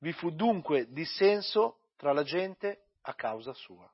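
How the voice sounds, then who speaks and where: A man preaching a church sermon, praying with many pauses and repeated addresses, then reading and explaining scripture. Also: a little high, very animated, husky, lo-fi sound. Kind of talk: sermon with prayer and Bible reading.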